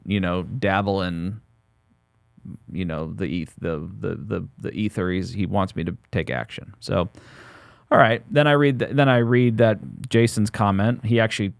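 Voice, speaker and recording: A man's voice: lowish voice, moderate pace, gravelly, dry recording, clean studio sound. Rambling, jokey man in his forties. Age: 40s. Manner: rambling, jokey, restarts often. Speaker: podcast co-host. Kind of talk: casual podcast chat.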